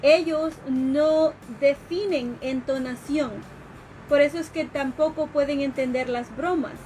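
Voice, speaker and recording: A high-voiced woman teacher lectures slowly on a live stream in a dark tone with fairly even intonation, patiently explaining, pausing on fillers and starting sentences over. She acts out quoted questions; the audio is poor, with a faint hiss of background noise.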